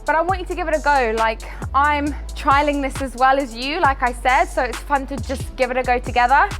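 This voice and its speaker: A woman's voice: high voice, a little fast, fairly bright tone, soft background music. A woman fitness coach explaining a gym workout in a casual, upbeat way, out of breath, sometimes swearing. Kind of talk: workout vlog instruction.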